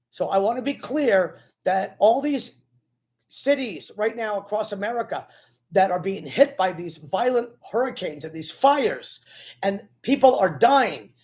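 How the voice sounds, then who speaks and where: A commentator giving an impassioned, sermon-like political rant in an accusatory, repetitive, preachy manner. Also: medium pitch.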